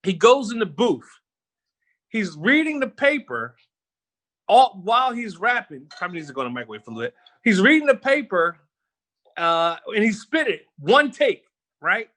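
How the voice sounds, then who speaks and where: A man's voice: high-pitched, moderate pace. A middle-aged man from Philadelphia, a guest rapper, telling stories in a casual interview with laughter and frequent swearing. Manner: animated, laughing storyteller who swears freely. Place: home kitchen while cooking.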